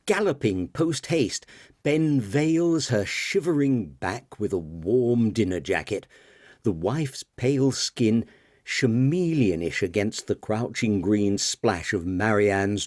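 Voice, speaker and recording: Deep, slow, expressive male narrator. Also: dry recording, clean studio sound. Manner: dramatic, expressive reading. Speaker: audiobook narrator. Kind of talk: scripted narration.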